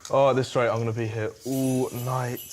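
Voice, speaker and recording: A man's voice: mid-range voice, little pitch movement, normal speed, slight background noise. A young man cooking with his brother, making wry remarks. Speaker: chef's son cooking on the show.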